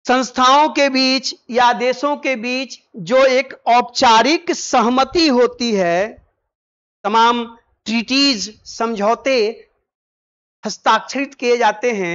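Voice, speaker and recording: A male teacher explaining vocabulary for an exam, mixing Hindi with slow English phrases and firing quick questions at his students. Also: extremely high pitch, a bit bright, smooth, lo-fi sound. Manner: quizzes listeners with quick rhetorical questions.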